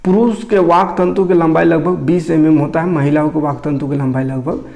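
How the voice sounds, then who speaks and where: A man's voice: a little high, steady tone, moderate pace, vocal fry, darkish tone. A young adult male teacher who reads a science textbook and then retells it in casual dialect. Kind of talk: classroom science lesson.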